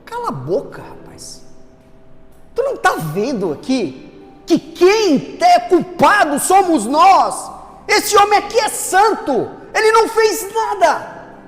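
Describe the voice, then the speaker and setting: A man's voice: extremely high pitch, huge pitch swings, slow, a bit bright, pitched above the performer's own voice, heavily acted. A man voicing a repentant male thief on a cross, earnest and humble. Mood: rebuking. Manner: earnest, scolding then humble. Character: repentant thief, male, rebuking then pleading. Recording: reverberant church hall, faint music.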